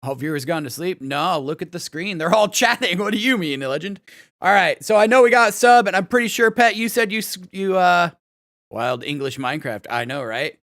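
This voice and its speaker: A man live-streaming a game, chatting casually, reading out chat, thanking viewers for follows and subs, and breaking into excited laughter. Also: high-pitched, a little fast, dry recording, studio quality.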